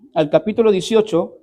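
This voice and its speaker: A man preaching a sermon, reading scripture aloud with loud emphatic rises and asking the congregation questions. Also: high-pitched. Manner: preaches with rising loud emphasis, frequent throat clearing.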